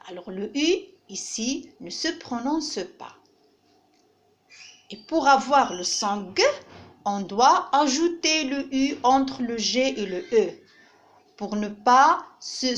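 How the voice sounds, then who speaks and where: A woman's voice: high-pitched, lively intonation, slow pace. A woman teacher giving a reading lesson to young children, patiently repeating each word and splitting it into syllables. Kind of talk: French phonics lesson for children.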